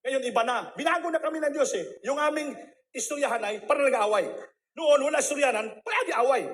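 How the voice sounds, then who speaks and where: A man's voice: very high-pitched, quick pace, fairly bright tone, slight background noise. A middle-aged man preaching a sermon, telling a conversational testimony and mixing in English phrases.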